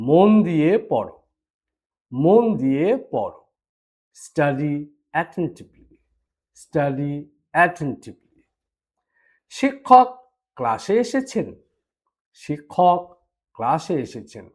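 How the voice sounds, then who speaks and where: A man teaching spoken English, saying each short sentence twice in Bengali and then in English, in slow deliberate chunks. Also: high-pitched, darkish tone. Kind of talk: slow repeated phrase drill.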